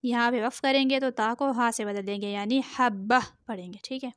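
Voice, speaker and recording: A woman teaching Quran reading, spelling out each syllable slowly and then joining them. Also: a little high, steady tone, smooth, no room sound, clean studio sound. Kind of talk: slow spelled-out recitation lesson.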